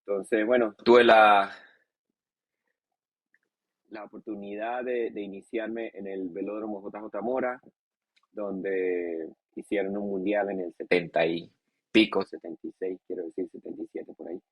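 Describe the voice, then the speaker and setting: A man, a cycling guest in a casual podcast interview, relaxed and joking, halting with many fillers. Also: fairly low pitch, husky. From Venezuela.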